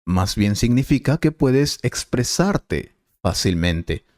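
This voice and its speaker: A man as a Spanish teacher, explaining clearly and patiently in a scripted lesson dialogue. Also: mid-range voice, big pitch swings, slow pace, a little mellow, no room sound, clean studio sound.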